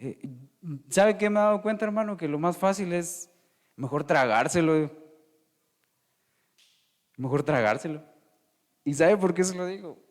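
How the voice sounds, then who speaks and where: A man with a Guatemalan Spanish accent preaching a sermon, calling his listeners "hermano" and moving between loud emphasis and hushed asides. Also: fairly high pitch, in a large hall.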